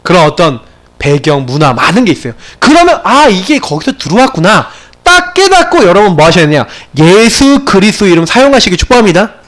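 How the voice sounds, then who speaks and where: A male pastor preaching a sermon to his congregation in a church, swinging between emphatic bursts and hushed asides. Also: high voice, fairly quick. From Gyeongsang region of Korea. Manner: animated preaching with sudden loud peaks and quiet asides. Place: church sanctuary.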